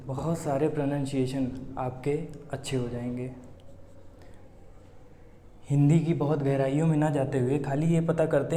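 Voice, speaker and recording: A man with an Indian accent teaches English pronunciation slowly and patiently, stretching out each example sound. His voice sits a little high yet sounds mellow. The recording is roomy, with a long reverb tail. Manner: slow, patient explaining with drawn-out demonstration sounds. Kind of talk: spoken pronunciation lesson. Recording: echoey room with long reverb.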